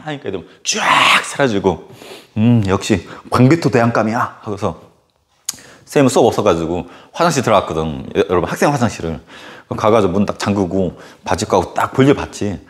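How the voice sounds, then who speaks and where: A male history teacher tells a story casually during a lecture, animated and full of fillers. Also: fairly low pitch, quick pace.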